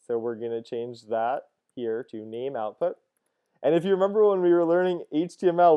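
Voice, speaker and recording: Mellow-voiced man teaching code. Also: mid-range voice, clear, resonant tone. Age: 30s. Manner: casual, thinks aloud with frequent "uh" and "cool, cool". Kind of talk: screen-recorded coding lesson.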